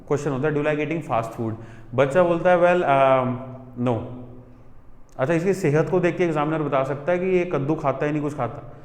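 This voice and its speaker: A man teaching IELTS speaking in a chatty classroom manner, mixing Hindi and English, with a Haryanvi-Punjabi Indian English accent and addressing students directly. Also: a little high. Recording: echoey room with long reverb.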